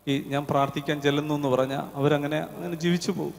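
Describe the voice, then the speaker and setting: Malayali priest telling a sermon story. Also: male voice, fairly high pitch, steady tone, fast talker, gravelly. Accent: Kerala Malayalam. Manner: conversational, acts out quoted voices, shifts between loud and hushed. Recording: long hall reverb.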